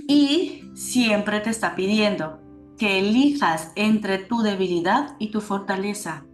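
A woman's voice: mid-range voice, slow pace. A woman telling a personal story with emotion and turning it into a spiritual teaching. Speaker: spiritual speaker. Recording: roomy echo with faint music.

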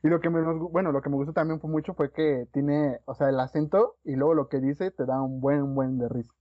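A man with a Mexican accent hosting a casual podcast chat, talking haltingly with many restarts. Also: a little high, fairly even intonation, dry recording, narrow, tinny audio.

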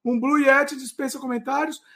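A man hosting a casual podcast, telling stories in an animated way with frequent restarts. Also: very high voice, brisk, gravelly. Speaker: podcast host.

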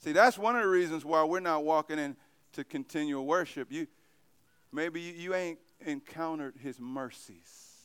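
A man's voice: a little high, normal speed, a bit bright, clean tone. A man preaching a sermon at a church service, emphatic and repetitive as he addresses the congregation. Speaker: pastor.

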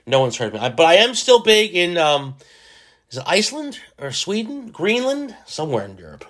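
Male solo podcast host, forties, slightly high voice, loose rambling jokey delivery that mocks himself. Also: huge pitch swings, a little fast, a bit bright. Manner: rambling, self-mocking and jokey.

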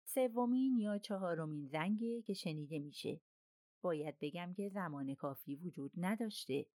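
Calm, methodical male detective reasoning aloud, read by a woman; low, dry audiobook voice. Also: no room sound, natural voice. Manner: measured and explanatory.

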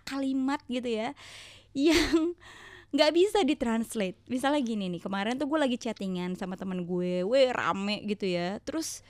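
A woman's voice: high voice, darkish tone, no room sound, clean studio sound. A woman from Jakarta with a Jakarta accent, hosting a podcast and telling stories in casual slang, acting out the dialogue. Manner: chatty, uses Jakarta slang, acts out dialogue. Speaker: podcast host. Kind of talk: casual storytelling monologue.

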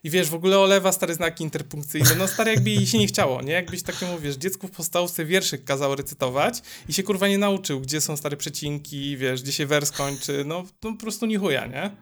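Animated, swearing man in casual chat. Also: on the high side, a little fast, few pauses. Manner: animated storyteller, swears freely, many fillers. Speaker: podcast co-host.

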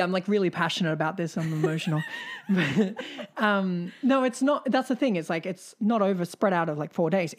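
A woman co-hosting a casual podcast chat, talking in an earnest, emphatic, motivational way with casual swearing. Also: mid-range voice. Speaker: podcast co-host.

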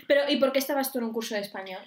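A young woman in a casual chat among friends, curious and animated, often asking questions. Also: fairly high pitch, racing, crowd noise. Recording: echoey room.

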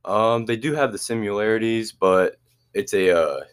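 A man's voice: on the low side, normal speed, smooth. A teenage boy athlete answering interview questions in an easygoing, hesitant way, with many restarts. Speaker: student athlete.

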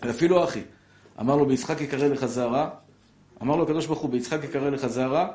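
A man teaching a lively, emotional Torah lesson as a rabbi, telling stories and putting questions to his listeners. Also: mid-range voice. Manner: emotional, animated storyteller who questions the audience. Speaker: rabbi giving a Torah class. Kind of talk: lively religious lesson to a live audience.

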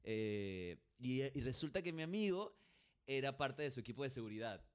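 Male co-host, chatty and animated, tells stories with laughs and English slang mixed in. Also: medium pitch, moderate pace, smooth. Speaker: podcast co-host. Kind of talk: casual chat, storytelling.

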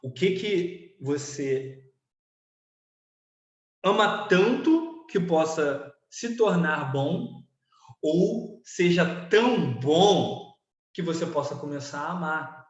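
A man with a Brazilian Portuguese accent and a rather high voice talks through a self-esteem lesson off the cuff, speaking directly to his viewers. His earnest explanations come through a live-stream setup and bounce around an echoey room. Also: animated, slow pace, muffled recording. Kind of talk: unscripted live-stream lecture. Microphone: computer setup, live stream.

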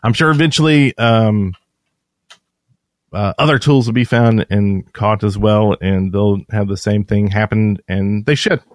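A man's voice: on the low side, steady tone, unhurried, dry recording, clean studio sound. A man co-hosting a podcast in casual chat, rambling and correcting himself as he talks. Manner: rambling, self-correcting, chatty. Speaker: podcast co-host.

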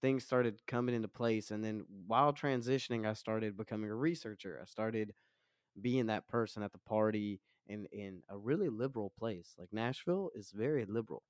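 A deep, low male voice with a relaxed stoner drawl, speaking candidly about himself in conversation. The sound is close and dry, like an informal interview. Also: normal speed, no room sound. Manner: laid-back stoner drawl. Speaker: interview guest.

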